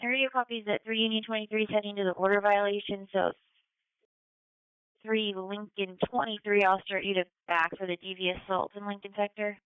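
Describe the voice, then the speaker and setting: A woman's voice: mid-range voice, steady tone, fairly quick, smooth, no room sound. A woman police dispatcher giving clipped, procedural calls, heard over a police radio. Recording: narrow radio-scanner audio.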